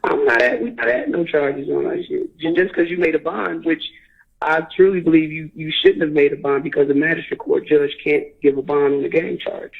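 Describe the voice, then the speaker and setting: A man's voice: on the high side, fairly quick, creaky. A man, an officer, talking on a payphone call, bluntly explaining and repeating himself. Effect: heard over a payphone call line. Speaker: law enforcement officer. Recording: tinny phone line.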